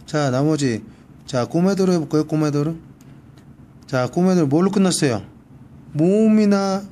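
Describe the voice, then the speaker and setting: A man's voice: fairly high pitch, mellow, a little hiss or hum. A man teaching a one-on-one Spanish grammar lesson, patiently repeating each word for practice. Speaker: Spanish tutor. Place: library.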